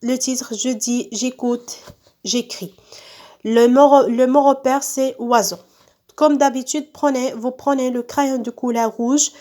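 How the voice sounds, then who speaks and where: Slow, high-voiced woman teacher. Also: fairly even intonation, dark tone. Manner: slow, stretched-out words repeated for children. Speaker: primary school teacher. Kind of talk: recorded home lesson for young pupils. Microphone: phone.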